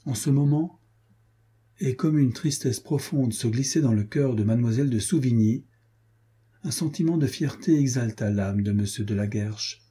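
A man reading a swashbuckling novel aloud as an audiobook narrator, in a measured, expressive way. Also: medium pitch, slightly rough. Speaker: audiobook reader. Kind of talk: scripted narration.

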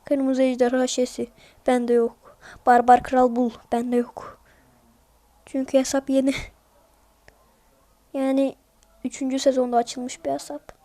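A woman with a notably high voice calls out a mobile game as she plays it. Her commentary is excitable and jumpy. She yelps strings of repeated words at the screen, then drops into chatty asides to her viewers. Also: a little slow, long pauses. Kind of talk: live gameplay commentary.

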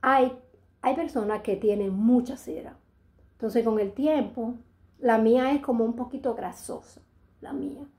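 Chatty Dominican woman, mellow voice. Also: a little high, measured pace. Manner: rambling, chatty, frequent restarts. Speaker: vlogger. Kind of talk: casual chat to camera.

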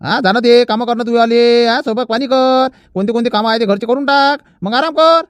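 A man's voice: extremely high pitch, brisk, clear, resonant tone, dry recording. A man playing a vain, dawdling seventy-year-old village man in a comedy skit, fussy and full of excuses. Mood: defensive.

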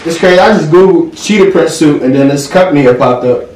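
A man's voice: a little high, fast talker, a little mellow, distant mic. A young man hosting a casual haul vlog from his room, laid-back and slangy, always asking if you feel him. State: out of breath. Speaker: vlogger. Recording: echoey room, off-mic, faint hiss.

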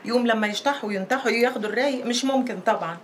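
A woman's voice: a little high, racing, a little hiss or hum, natural voice. An actress playing a gossipy, mocking older Egyptian neighbor woman in a film drama, talking dramatically.

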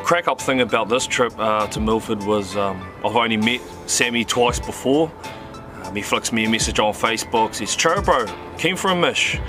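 Broad Kiwi man, lowish voice. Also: steady tone, normal speed. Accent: broad New Zealand (Kiwi). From Bluff, southern New Zealand. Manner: laid-back slangy storytelling. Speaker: vlog host and diver. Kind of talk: casual adventure vlog, part to camera, part voice-over. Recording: music behind the voice. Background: music.

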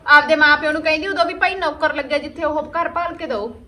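A woman's voice: high voice, fast talker, bright, forceful tone. A woman playing a sarcastic young daughter who bickers with her sister-in-law in a family skit. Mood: bickering. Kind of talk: scripted domestic skit acting.

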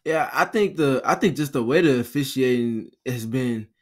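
A man guesting on a sports podcast, speaking in a measured, wordy, somewhat formal way. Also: medium pitch, darkish tone. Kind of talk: casual sports podcast chat.

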